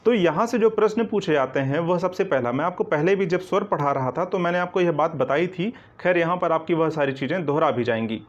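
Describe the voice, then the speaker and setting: Briskly and with few pauses, a fairly high-voiced man explains Hindi grammar step by step in an online coaching session. He repeatedly says "ठीक है ना", asks questions back and answers them himself, all on a dull, lo-fi recording.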